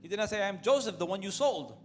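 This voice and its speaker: A man's voice: high voice, expressive, fast, faint music behind. A man interpreting a sermon phrase by phrase, following right after the preacher and restarting now and then.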